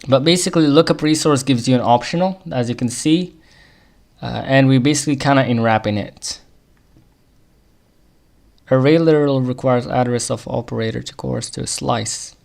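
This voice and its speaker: Talking himself through a stubborn bug on a live coding stream, an Arabic-accented man mutters half-finished thoughts, reads error messages aloud, and breaks into short, quick chuckles. His mid-range voice is gravelly and full of fry, yet a little mellow.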